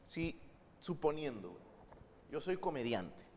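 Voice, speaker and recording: A man's voice: fairly high pitch, sing-song, a little slow, darkish tone. A man, a comedian co-hosting a chat, telling crude anecdotes with acted-out quotes. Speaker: comedian, podcast co-host. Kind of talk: casual comedic storytelling. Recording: reverberant room with faint ambient noise.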